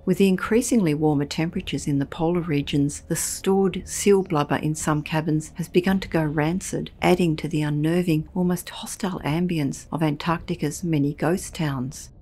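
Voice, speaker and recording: Low-voiced woman narrating eerie tales. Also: steady tone, a little mellow. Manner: measured, ominous storytelling. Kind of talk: scripted documentary narration.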